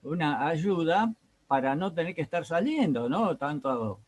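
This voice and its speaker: A woman's voice: sits low, animated, unhurried, darkish tone. A woman co-hosting a dialogue series, talking casually with short, affirming replies. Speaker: co-host, moderator. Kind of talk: casual conversation.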